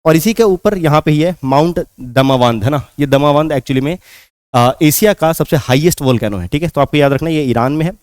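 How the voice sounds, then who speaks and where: A man's voice: a little high, a little fast, a little mellow, smooth, dry recording. A man teaching a geography lesson for exam preparation, walking through a map and repeating what students must remember. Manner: repetitive, keeps asking if students follow.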